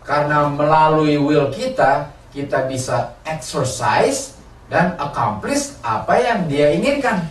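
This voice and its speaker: Guy preaching a sermon, pitch jumping all over, kinda high voice, mic far off, echoey room. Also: takes it slowly. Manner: animated, asks the congregation questions and answers them. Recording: roomy, from a distance, faint ambience.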